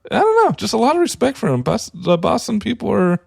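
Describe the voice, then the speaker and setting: A man co-hosting a casual sports podcast, relaxed and rambling as he recounts a trip. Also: high-pitched, quick pace, vocal fry, husky, no room sound, studio quality. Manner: relaxed, rambling, with many fillers. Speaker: podcast co-host.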